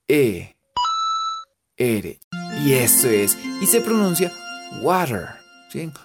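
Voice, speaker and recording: A teacher with a Colombian Spanish accent, playfully spelling out English cooking words letter by letter and making jokes. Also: mid-range voice. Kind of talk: spelling out vocabulary in a casual lesson.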